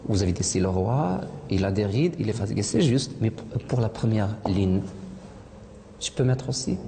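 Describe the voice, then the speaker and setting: Low-voiced woman teaching a class. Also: lively intonation, normal speed. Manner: questioning, corrects pronunciation, repeats answers. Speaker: French teacher. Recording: echoey classroom with loud noise.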